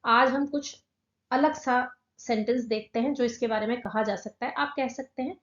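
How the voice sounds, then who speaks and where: A woman teaching a spoken English lesson, patient and explanatory, who slows right down to say each English phrase clearly. Her voice sits a little high. It is recorded in a roomy space that leaves a slightly dull sound. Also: fairly even intonation.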